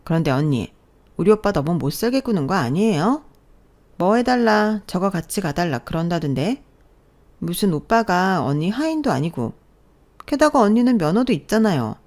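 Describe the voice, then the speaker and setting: Woman doing a shrill sarcastic sister-in-law. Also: expressive, fairly quick, darkish tone, natural voice. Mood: mocking. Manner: mocking, needling.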